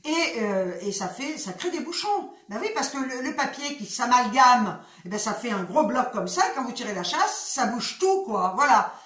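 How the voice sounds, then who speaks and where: A talkative woman with a slightly high voice chats casually to her viewers and swears freely. She retells conversations in a loose storytelling way. The room around her sounds echoey. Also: very animated, normal speed, few pauses, a bit bright. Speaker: vlogger.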